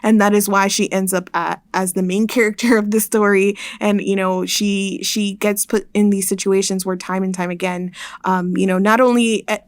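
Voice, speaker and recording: A woman's voice: mid-range voice, flat delivery, normal speed, dry recording. Woman, podcast co-host, casual chat, filler-heavy, dry close mic. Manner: chatty, lots of "like" and restarts. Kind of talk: casual book discussion.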